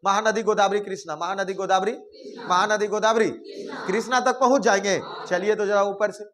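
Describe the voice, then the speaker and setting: A man teaches a class, leading call-and-response drills and repeating mnemonic chains over and over. His voice sits fairly high and he teases the students as he goes. A noisy crowd of students is heard around him. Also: fairly even intonation, brisk. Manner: repetitive rhyming mnemonic drilling, teasing students.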